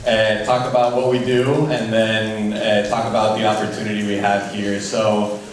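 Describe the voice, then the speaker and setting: A man's voice: lowish voice, level tone, moderate pace, slight background noise. A young man from Puerto Rico giving a friendly speech at a charity event, laughing at himself now and then. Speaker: charity representative. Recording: echoey, far from the mic.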